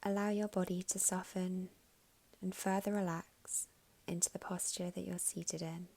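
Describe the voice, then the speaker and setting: Guiding a meditation, a woman speaks in a level, fairly low voice with a noticeable creak, soft and soothing. She lingers through long pauses, and her phrases become breathy, fading almost to a whisper.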